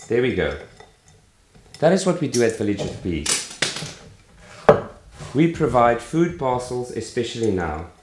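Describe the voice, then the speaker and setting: A middle-aged man from Malawi, a charity worker, making an earnest, measured appeal while demonstrating with a plant. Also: mid-range voice, noisy background. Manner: earnest, measured, with pauses and restarts.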